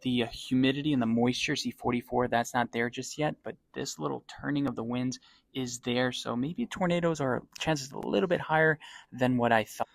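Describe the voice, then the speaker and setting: A man talking in a hushed, low voice in a library, casually explaining things as a weather vlogger. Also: fairly quick, creaky, dry recording. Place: indoors in a library.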